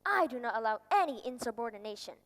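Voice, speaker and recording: Bossy old king on a stage, high bright voice, echoing hall. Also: lively intonation, fast. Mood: regal. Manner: pompous, commanding. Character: pompous old male king on a throne. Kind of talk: stage play performance. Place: school auditorium stage. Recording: long hall reverb on stage.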